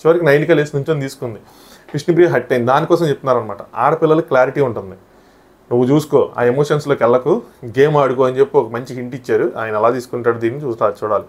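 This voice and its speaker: A man talks quickly at a mid-range pitch, running through a reality show episode as a reviewer. He keeps retelling scenes and slipping into short quotes of what others said. The delivery is casual and brisk. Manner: animated retelling of events, often quoting others.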